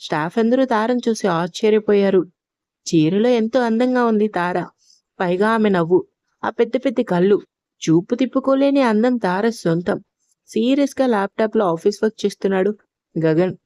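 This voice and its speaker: A woman narrating an audio love story, reading steadily and gently. Her voice is mellow and dark in tone and pitched in an ordinary middle range. The recording is dry and close, with no room sound. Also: moderate pace, no room sound.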